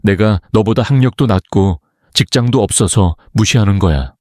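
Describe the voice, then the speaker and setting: A man's voice: lowish voice, moderate pace, a little mellow, no room sound, clean studio sound, natural voice. A man voicing a rude, coarse sister-in-law who snaps and talks down to people. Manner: rude, snapping.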